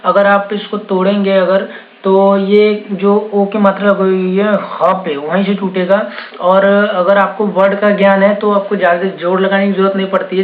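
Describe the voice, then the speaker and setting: A man teaching a Hindi exam-prep lesson, going through the answer options and patiently repeating key words with frequent fillers. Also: high voice. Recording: echoey room, tinny phone-like sound.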